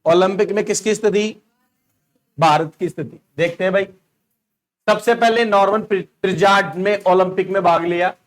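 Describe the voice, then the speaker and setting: A high-voiced male coaching teacher with a Rajasthani Hindi accent gives an exam-prep lecture. He asks the class questions, answers them himself, and repeats names slowly so students can take dictation.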